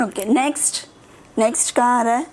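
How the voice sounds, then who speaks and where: A woman teaching children to pronounce Sanskrit verses, drilling syllables slowly and patiently. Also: fairly high pitch, a little mellow, a little hiss or hum. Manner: slow, patient drilling of syllables, mixing English words. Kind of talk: online class teaching.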